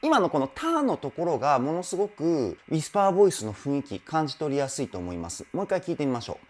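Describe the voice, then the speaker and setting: A vocal coach reacting to a live performance, excitedly admiring it and then explaining singing technique step by step. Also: medium pitch, fast talker, slight background noise. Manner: enthusiastic, exclaims in admiration between explanations. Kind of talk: reaction video with vocal analysis. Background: faint music from the video being reviewed.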